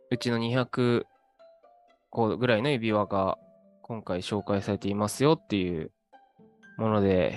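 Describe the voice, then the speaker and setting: A man hosting his own video, talking casually with lots of fillers about what he has been reading. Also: mid-range voice. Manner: relaxed, chatty, with many fillers and asides. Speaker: host.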